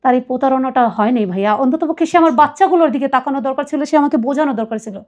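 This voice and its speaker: Woman, high voice, earnest, pleading tone, personal confession. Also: fast talker, darkish tone. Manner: earnest, pleading, quotes others at length. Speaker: guest telling her life story.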